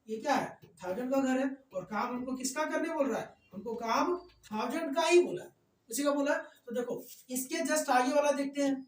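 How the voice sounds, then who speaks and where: A man teaching a math lecture in class, repeating points and often checking that students follow. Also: very high-pitched. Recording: echoey room, voice far from mic.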